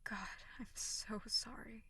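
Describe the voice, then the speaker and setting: A young woman playing a snappy tsundere tutor in an audio role-play, who goes from sharp scolding to halting, breathy, remorseful near-whispers. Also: fairly high pitch. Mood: soft, remorseful.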